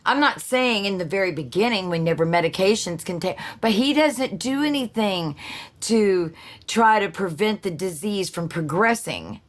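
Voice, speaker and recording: A woman who hosts her own political commentary channel delivers a casual opinion monologue in a mid-range, animated voice at a moderate pace. She's blunt and sarcastic, swearing freely and restarting her sentences.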